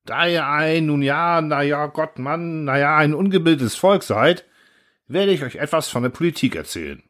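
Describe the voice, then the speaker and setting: A man's voice: fairly high pitch, lively intonation, fairly bright tone, voice pushed up. A man doing a clumsy rambling guard. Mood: earnest rambling. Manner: halting, rambling, full of fillers. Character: bumbling male airfield guard, eager, clumsy speaker.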